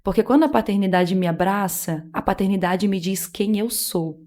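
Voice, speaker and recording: A woman's voice: mid-range voice, normal speed, darkish tone. A woman guest, telling her faith testimony in casual chat, earnest and emotional, acting out remembered dialogue. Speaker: podcast guest.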